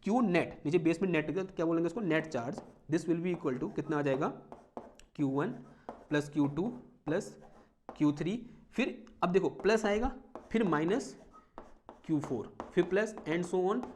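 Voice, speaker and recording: A man's voice: fairly high pitch, darkish tone, a little hiss or hum. A man teaching physics, running a live demonstration and asking the class questions before answering them himself. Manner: dictates headings slowly, mixing in English terms.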